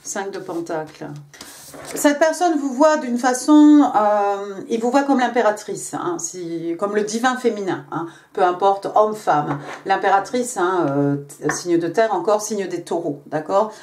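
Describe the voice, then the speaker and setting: A woman's voice: mid-range voice, a little slow, few pauses. Chatty lady reading tarot cards, filler words everywhere, bit of faint hiss and clicking. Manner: chatty, many fillers and "hein" tags, switches to English card text. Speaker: tarot card reader. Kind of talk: casual tarot reading to camera.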